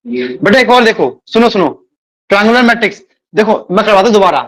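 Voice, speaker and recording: Male math teacher, high voice, repetitive and direct with students. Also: big pitch swings, fairly bright tone. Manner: repeats words, addresses students as beta; admits speaking fast. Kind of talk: live online class lecture.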